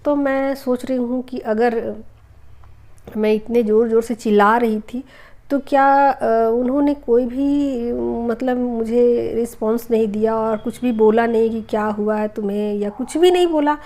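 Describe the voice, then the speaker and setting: Chatty woman with a mellow voice. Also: on the high side, unhurried. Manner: chatty, repeats phrases, many hesitation fillers. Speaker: spiritual healing channel host. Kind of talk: casual storytelling to viewers.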